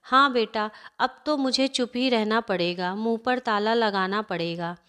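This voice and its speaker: A woman's voice: a little high, a little slow, bright, forceful tone, clean tone. A woman doing a tearful reproachful mother-in-law. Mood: bitter. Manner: wailing, reproachful.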